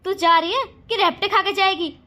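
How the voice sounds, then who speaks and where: An arrogant, spoiled rich young bride from a cartoon family drama, as a woman plays her. Her voice is high, and she sneers as she talks. She speaks with haughty contempt. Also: a little fast, lightly acted. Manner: haughty and insulting.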